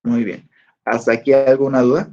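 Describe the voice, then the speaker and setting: A man's voice: medium pitch, little pitch movement, warm tone. A male teacher giving a lesson and questioning his students. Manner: slow, deliberate, asks students questions. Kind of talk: online class lecture. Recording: dull lo-fi audio.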